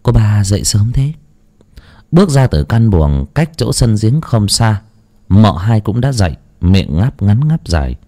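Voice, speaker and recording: A man's voice: on the low side, sing-song, unhurried, mellow. A man narrating a horror tale in a dramatic storytelling manner.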